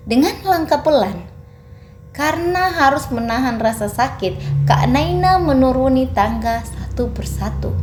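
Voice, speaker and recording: A woman narrates a horror story in a steady, dramatic way. Her voice sits a little high. A faint hiss runs beneath the recording.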